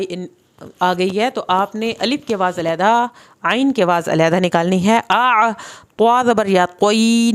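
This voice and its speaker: A young woman teaching Quran reading, slowly sounding out each letter and vowel mark syllable by syllable and then explaining the rules. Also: medium pitch, clean tone. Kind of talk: slow spelled-out recitation lesson.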